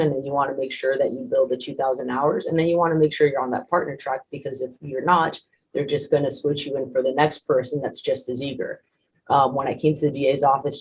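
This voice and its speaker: Husky-voiced man in his thirties. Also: mid-range voice, darkish tone, poor audio. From grew up in Mexico. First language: Spanish. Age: 30s. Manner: earnest, conversational with frequent restarts. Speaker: prosecutor. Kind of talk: panel talk, personal story.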